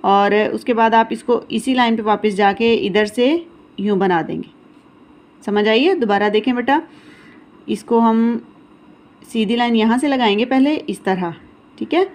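A woman's voice: a little high, a little mellow. Patient woman teaching children letter sounds. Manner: patient, repeats letter sounds slowly, checks in with "theek hai". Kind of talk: recorded online lesson for young children.

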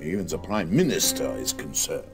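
Casting: low, pompous aristocrat, animated delivery. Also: male voice, normal speed, music in the background. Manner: pompous, disapproving.

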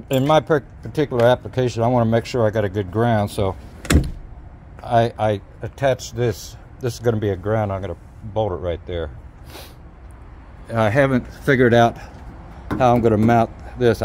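A middle-aged man making a DIY video shows a practical how-to at an open truck cab outside, speaking folksily and off the cuff with some hesitation. His voice is lowish and a little mellow, and the recording picks up clear outdoor ambience.

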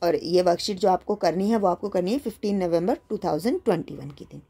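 A woman's voice: fairly low pitch, fast, dark tone, breathy edge. A woman teacher patiently explaining a school worksheet to young children, often repeating and rephrasing her points.

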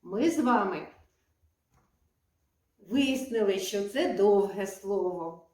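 A woman kindergarten teacher giving a lesson to young children, speaking slowly and clearly in a sing-song teacherly way. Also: medium pitch, lively intonation, warm tone. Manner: slow, clear, sing-song teacherly speech with drawn-out words. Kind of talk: preschool lesson addressed to children. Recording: echoey room, voice from a distance.

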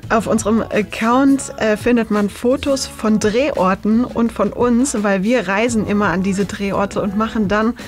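A woman's voice: medium pitch, normal speed, hardly any pauses, soft background music. Chatty woman in her late twenties. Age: 20s. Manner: chatty, laughs often, many fillers. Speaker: documentary interviewee. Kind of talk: casual interview chat. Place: cinema auditorium.

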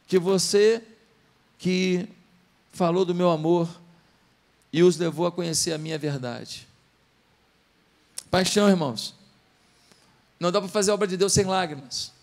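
A man preaching a sermon as a pastor, with a Brazilian Portuguese accent, impassioned and acting out the voices in his stories. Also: high voice.

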